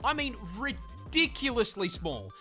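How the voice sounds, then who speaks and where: Male Australian narrator, very lively and forceful, scripted comedy with incredulous, sweary delivery. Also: very high-pitched, measured pace, soft background music.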